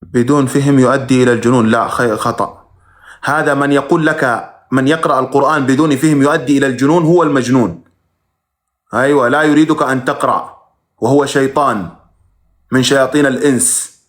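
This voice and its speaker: During a live stream, a male religion teacher reads out viewers' questions and answers them briefly and plainly, with sudden emphatic rises. His mid-range voice keeps a steady tone and moves at a fast clip.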